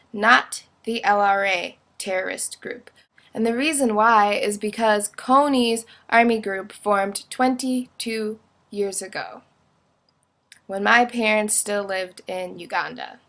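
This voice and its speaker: A woman's voice: mid-range voice, gravelly, a bit bright. A woman vlogger giving an earnest explanation, asking pointed questions. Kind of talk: explanatory commentary to camera.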